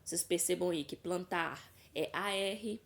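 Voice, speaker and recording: Hesitant, gravelly-voiced woman teaching grammar. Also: fairly low pitch, measured pace. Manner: explanatory, many hesitation fillers and self-corrections. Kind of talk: recorded grammar lesson.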